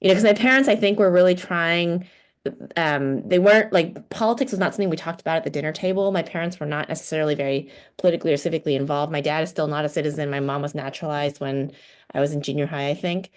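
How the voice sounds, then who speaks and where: A woman's voice: deep voice, fast. A woman from the United States, a political science professor, giving a conversational, thoughtful online lecture over a video call. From United States (Houston, Texas).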